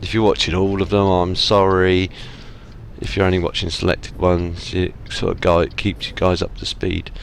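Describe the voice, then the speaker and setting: With a low, gravelly voice and a completely flat delivery, a gaming channel host talks at normal speed through a trucking game. It's casual let's-play commentary from his home setup, rambling and apologetic with self-mocking asides, and there's slight background noise.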